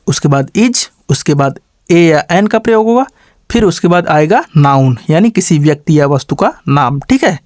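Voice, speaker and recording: In this grammar lesson, a high-pitched male teacher poses his own questions and answers them, dropping in a brisk "okay" after each step. Example sentences get spelled out slowly, one word at a time, in a dry, clean studio recording.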